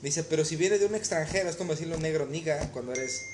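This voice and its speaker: A man's voice: on the high side, fast talker, background noise. A man with a Mexican accent, a cook telling stories in a casual chat, full of slang and swearing. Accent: Mexican Spanish. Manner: loose storytelling, heavy slang and swearing. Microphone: phone. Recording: echoey room, music behind.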